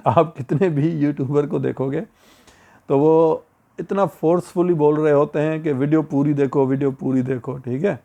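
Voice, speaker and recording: Gravelly yet mellow at a medium pitch, a YouTuber with a Pakistani Urdu accent talks to viewers as friends, dispensing chatty advice that circles back over the same points.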